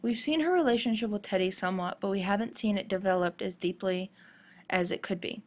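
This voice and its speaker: A woman hosting a podcast with measured, explanatory commentary, her voice a little gravelly and husky from a sore throat. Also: mid-range voice. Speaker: podcast host. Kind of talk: scripted-sounding TV fan commentary podcast.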